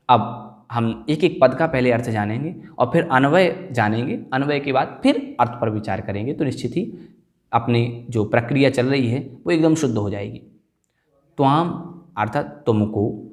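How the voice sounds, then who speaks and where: Male scripture teacher, mid-pitched and very slow. He teaches carefully and repeats each hard word. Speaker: religious teacher. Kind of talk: scripture recitation class.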